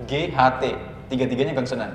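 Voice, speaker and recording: A man with an Indonesian accent teaching English pronunciation in casual chat, patiently explaining and slowly modeling words. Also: medium pitch. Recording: echoey room with guitar music.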